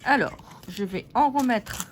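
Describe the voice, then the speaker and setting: Giggly chatty woman walking through a craft project, lively up-and-down voice, slightly high, faint hiss behind. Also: a little slow. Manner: chatty, giggly, self-mocking. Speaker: scrapbooking tutorial host. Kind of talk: casual craft tutorial.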